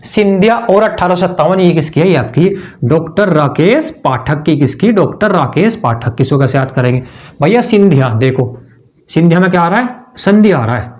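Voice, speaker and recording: High-voiced chummy male tutor. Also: expressive, moderate pace, darkish tone. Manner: asks and answers his own questions, repeats key words, chummy. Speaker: exam coaching teacher. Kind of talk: teaching memory tricks.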